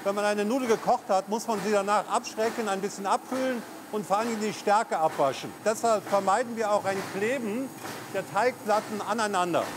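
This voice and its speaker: A man in his fifties from the Eifel who heads a lasagna factory, explaining the production line in a relaxed way with fillers. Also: high-pitched, fairly quick, noisy background. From Eifel region, Germany. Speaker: factory head. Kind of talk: on-site interview. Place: large food factory floor. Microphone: lapel mic. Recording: music underneath.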